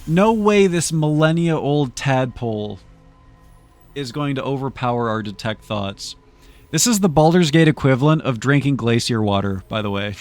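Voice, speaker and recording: A man streaming a game, giving casual, playful commentary and theatrically deliberating with his chat. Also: medium pitch. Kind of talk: casual live gameplay commentary.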